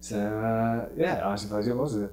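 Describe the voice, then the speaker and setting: A middle-aged British comedian chatting as an interview guest, telling stories with quick acted-out asides. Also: male voice, lowish voice, darkish tone, a little hiss or hum. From United Kingdom. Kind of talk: casual interview anecdotes.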